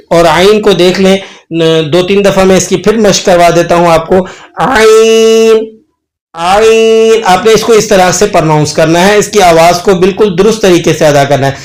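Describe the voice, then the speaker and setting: A man teaches tajweed in a patient lesson. He sounds out Arabic letters slowly and draws them out, repeating each one as an example for the learner. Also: high-pitched, fairly even intonation. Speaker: Quran recitation teacher.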